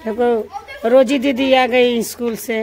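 A woman's voice: fairly high pitch, fairly even intonation, slow, gravelly, a little mellow, some chatter behind. A woman vlogging casually outdoors in a vegetable garden, talking straight to her viewers as friends while she picks vegetables. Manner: keeps addressing viewers as friends. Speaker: family vlogger. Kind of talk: casual vlog narration.

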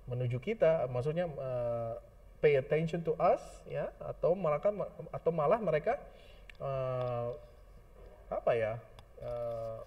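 A man with an Indonesian accent teaches a class, slipping English phrases into his explanations and pausing often on fillers. The sound is dry, and he sits some distance from the microphone. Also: mid-range voice, gravelly, no room sound. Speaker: lecturer. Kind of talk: online class lecture.

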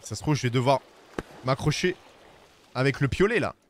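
A man streaming a video game, chatting casually with viewers and swearing, with bursts of shouting at the animals in the game. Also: medium pitch, expressive, normal speed, slight background noise. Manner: talks to his chat viewers. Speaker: streamer playing a climbing game. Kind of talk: casual gameplay commentary.

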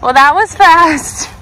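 A woman's voice: extremely high pitch, sharp tone. A young woman vlogging as a stay-at-home mom, chatting casually and playfully with her toddler while filming on a handheld phone outdoors. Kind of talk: casual vlog narration. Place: outdoors at a park and shopping street. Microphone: handheld phone camera. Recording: noisy outdoor phone recording.

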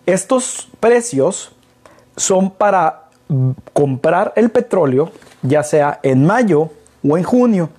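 Seated in a living-room armchair, this middle-aged Mexican consultant speaks slowly, his fairly high voice mellow, slightly rough and lively in intonation. He explains business matters to a far-off camera in a casual way, asking rhetorical questions along the way.

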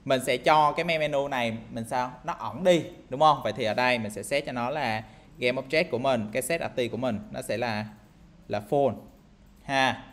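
A man talks students through a coding tutorial in a screen recording. He thinks aloud in a loose, casual way, peppering his steps with fillers and little tag questions. His voice sits at an ordinary middle pitch. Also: normal speed, fairly bright tone. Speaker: programming instructor.

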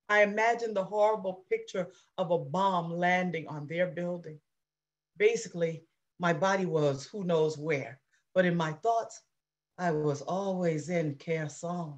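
A woman reading the part of an anxious mother recounting wartime, in an earnest, measured dramatic reading over a video call. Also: low voice. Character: anxious middle-aged mother recounting war. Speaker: reader in a play reading.

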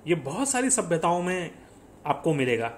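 A man's voice: fairly high pitch, very animated, moderate pace, slight background noise. A man teaching an exam-prep lesson, explaining step by step and asking questions that he answers himself, often mixing in English phrases. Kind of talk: classroom lecture with quiz questions.

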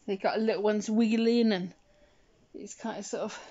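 A hobbyist doll vlogger rambles casually while dressing a doll beside a bed at home, murmuring to herself as her hands work and breathing heavily enough to hear. Her mid-range voice is steady and dark-toned at a moderate pace, captured in slightly dull lo-fi phone sound.

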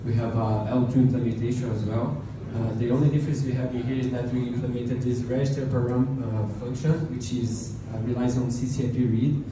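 A man's voice: mid-range voice, flat delivery, brisk, few pauses. A man in his thirties co-presenting an informal technical explanation in a lightning talk. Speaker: conference co-presenter. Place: medium conference room, indoors. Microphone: handheld mic through PA, picked up by a distant camera. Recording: roomy, distant, noisy room recording.

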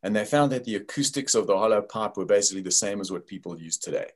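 An older South African company founder talks fast in a voice on the low side as he explains his work over a video call. He stays thoughtful throughout but leans on many fillers.

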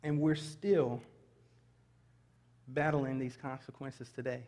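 Slow and steady, a middle-aged pastor's mid-range voice carries a darkish tone as he preaches in a large church sanctuary. He reads from scripture and adds light comments for the congregation, captured with the long reverb of a large hall.

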